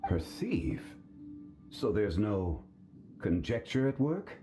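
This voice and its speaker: A man voicing a composed, erudite gentleman scholar in a video game, measured and formal. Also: lowish voice, big pitch swings, faint music behind. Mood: intrigued.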